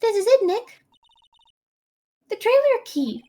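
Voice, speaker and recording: A woman's voice: very high-pitched, big pitch swings, slow pace, dark tone, faint music behind, voice pushed up, exaggerated voice. A woman voicing an eager, chirpy young female sidekick in a fan reading of a game. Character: bubbly young female spirit-medium sidekick.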